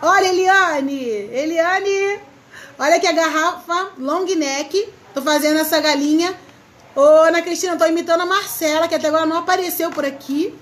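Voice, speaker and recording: A woman's voice: extremely high pitch, moderate pace. A chatty woman hosting a crafts live stream, greeting viewers by name and laughing often. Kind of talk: casual live chat.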